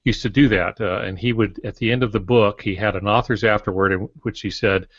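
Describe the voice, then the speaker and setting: Brisk and steady in tone, a fairly low-pitched man, a writing teacher co-hosting a podcast, hands out casual advice packed into short maxims. The dry recording has the dull quality of lo-fi podcast audio.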